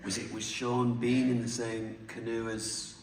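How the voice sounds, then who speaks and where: A man's voice: medium pitch, completely flat delivery, measured pace, distant mic, crowd noise. A man telling anecdotes on a convention panel, chatty and laughing often. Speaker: panel guest. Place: large convention hall. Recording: echoey hall with noise.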